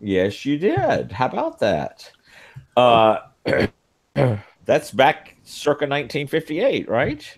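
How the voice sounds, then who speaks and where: A man's voice: mid-range voice, wildly swooping pitch, takes it slowly, long pauses. A man co-hosting a podcast, telling rambling stories in casual banter with lots of fillers. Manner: rambling storyteller, frequent fillers. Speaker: podcast co-host.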